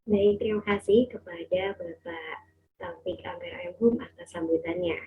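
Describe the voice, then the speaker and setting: A woman's voice: on the low side, level tone, measured pace. A young woman hosting an event as MC, heard over an online call. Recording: thin, phone-like online call sound.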